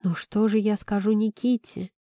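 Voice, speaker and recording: A woman's voice: medium pitch, fairly even intonation, moderate pace, mellow, dry recording, studio quality, natural voice. A woman reading the part of an anxious young woman, a best friend who pleads on the edge of tears. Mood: tearful, begging.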